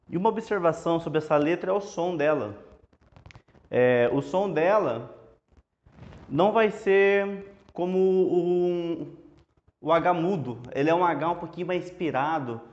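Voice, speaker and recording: A man with a Brazilian Portuguese accent teaching a casual language lesson at a whiteboard, explaining step by step in a relaxed, chatty way. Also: a little high. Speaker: Hebrew teacher. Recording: dull lo-fi classroom audio.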